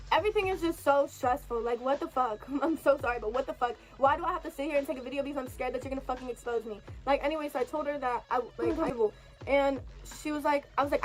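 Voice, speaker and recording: A young woman venting in a confessional vlog, rambling and profane, full of fillers and apologies. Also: sits high. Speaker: vlogger telling her side of a breakup.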